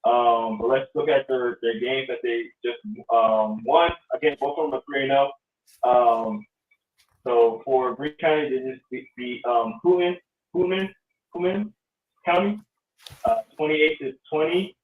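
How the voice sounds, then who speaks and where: A man's voice: mid-range voice, steady tone, a little slow. Echoey distant man on a phone-like line. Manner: loose, rambling, many ums. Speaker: podcast host. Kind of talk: casual sports talk.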